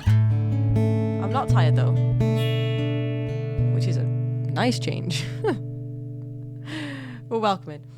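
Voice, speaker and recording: Guitar plays in the background as a woman musician casually talks with her live stream viewers, calling them by name through a studio dynamic microphone. She sounds a little stuffed up, and her medium-pitched, sing-song voice moves very slowly with long pauses.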